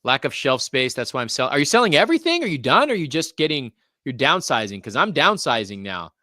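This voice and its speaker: This is a man in his forties hosting a casual live-streamed podcast about collectibles. His voice is bright and forceful, and he jokes easily while reading viewer comments aloud. The sound is dry and close to the mic. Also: medium pitch, big pitch swings, fairly quick, no echo. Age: 40s. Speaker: podcast host.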